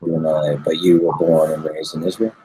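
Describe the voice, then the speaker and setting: A man hosting an interview, asking measured questions and summarizing his guest's points. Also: very deep voice, little pitch movement, warm tone, husky, poor audio. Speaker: interview host.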